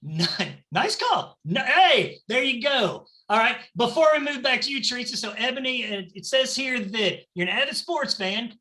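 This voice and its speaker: Bright-voiced Southern man hosting a game show. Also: very high-pitched, very animated. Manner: playful, chatty, quick banter.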